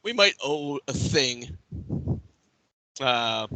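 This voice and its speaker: A man thinks out loud as his character in a tabletop game, halting and repeating phrases as he goes. His voice is bright and tense, recorded close and dry. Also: medium pitch, animated, no room sound, poor audio. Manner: hesitant, repeats himself. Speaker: player.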